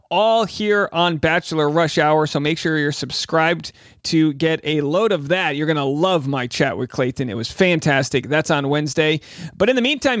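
Chatty male podcast host, slightly high voice. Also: fairly bright tone, dry recording, clean studio sound. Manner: chatty, informal. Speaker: podcast host and stand-up comic. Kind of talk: casual entertainment commentary.

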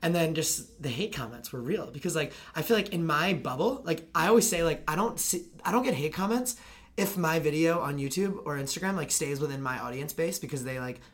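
A young adult woman, a college lacrosse player and video creator, rambles fast in casual podcast chat with constant fillers. Her voice is deep and raspy, with lively intonation.

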